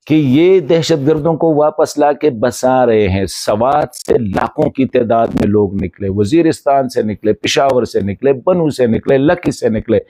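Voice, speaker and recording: A man with a mellow, mid-range voice, a journalist and commentator from Khyber Pakhtunkhwa in northwest Pakistan, turns to a colleague in a direct-address commentary video with rhetorical questions and respectful reproach. The sound is studio quality without echo.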